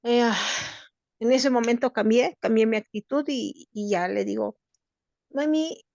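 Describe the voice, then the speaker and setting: A middle-aged woman with a Mexican accent tells a personal story to a group in an earnest, halting way, with many restarts. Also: fairly high pitch, creaky, a little mellow, no echo, lo-fi sound. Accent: Mexican Spanish. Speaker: workshop participant.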